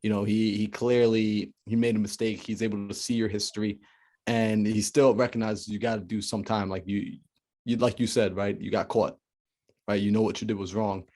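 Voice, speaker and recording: A man's voice: on the low side, little pitch movement, normal speed, dark tone. A man hosting an interview as a mindset coach, recapping his guest's story and checking in with "right?". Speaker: podcast host, mindset coach. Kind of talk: interview questions.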